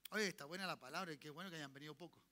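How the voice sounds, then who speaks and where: A man's voice: on the high side, racing, bright, forceful tone. A man with a Chilean accent preaching a sermon in church, checking in with his congregation and leading them in call-and-response. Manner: leads call-and-response, tells listeners to repeat. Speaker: pastor.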